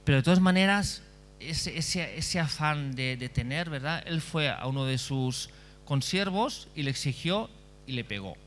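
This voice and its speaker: A man's voice: on the high side, lively intonation, unhurried, a bit bright, slight background noise. A male pastor preaching a sermon in a conversational way, often checking in with listeners and repeating phrases.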